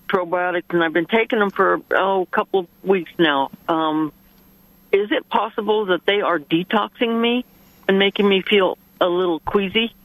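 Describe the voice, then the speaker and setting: A woman's voice: fairly low pitch, fairly bright tone, no echo. A woman calling in to a talk radio show, heard over the phone line. Her voice is dry, with no room around it, and she asks her question politely with a slight hesitation. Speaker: caller. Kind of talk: call-in question to a radio host.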